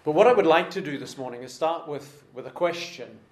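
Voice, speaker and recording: A man's voice: on the high side, animated, fairly quick, a little mellow, echoey room. A man preaching a sermon to a congregation in a room, earnest and repeating his points for emphasis.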